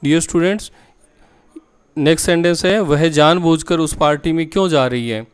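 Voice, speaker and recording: Clear-voiced teacher. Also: male voice, on the high side. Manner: reads each English example slowly twice; explains in Hindi, addresses students directly. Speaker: English teacher. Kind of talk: Hindi-medium English lesson.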